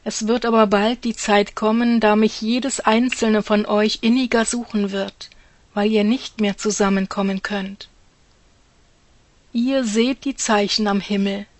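A woman gives a solemn devotional reading, speaking as God the Father to his children in an earnest, exhorting way. Her phrase endings often drop to a soft hush. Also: mid-range voice, no room sound. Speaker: reader of a devotional message.

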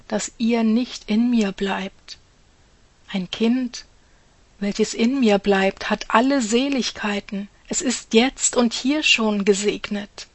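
A woman reads a devotional message in a slow, unhurried voice, speaking as God the Father. Her tone is earnest and exhorting, and her phrase endings often fall to a hushed softness. The recording is dry and close, with no room sound. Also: mid-range voice, no echo.

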